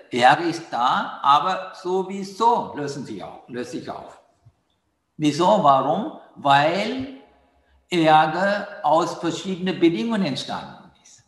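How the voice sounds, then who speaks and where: A man giving a calm dharma talk on mindfulness as a meditation teacher, patiently repeating his key phrases. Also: fairly high pitch. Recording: roomy hall with long reverb.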